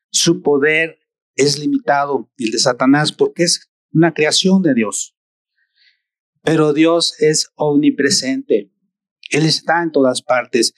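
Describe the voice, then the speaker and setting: Un predicador con acento mexicano que da un sermón de forma lenta, deliberada y enfática. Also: male voice, a little high, no room sound, clean studio sound. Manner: slow, deliberate, emphatic preaching. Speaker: preacher. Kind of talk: sermon.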